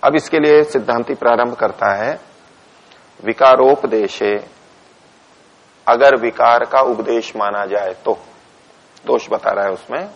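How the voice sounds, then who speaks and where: A mid-range, gravelly male voice moves at a moderate pace through a philosophy text in class. Each Sanskrit line is read aloud and explained in Hindi, punctuation is dictated to students, and he asks the class questions only to answer them himself. It sounds like a dull, lo-fi lecture recording.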